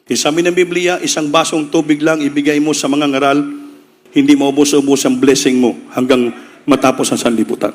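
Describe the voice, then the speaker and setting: A man's voice: on the high side, steady tone, fairly quick, long reverb tail. A man with a Filipino accent preaching a midweek sermon, telling a story and acting out the people in it. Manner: storytelling, shifting into dramatic quoted voices. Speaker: pastor preaching.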